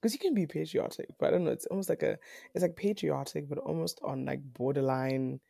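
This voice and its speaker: A woman's voice: sits low, fairly quick, gravelly, husky, no room sound, studio quality. A young woman from Africa, chatting as a podcast guest, rambling with many fillers and restarts. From South Africa. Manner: rambling, many fillers and restarts, animated when quoting others. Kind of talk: casual interview chat.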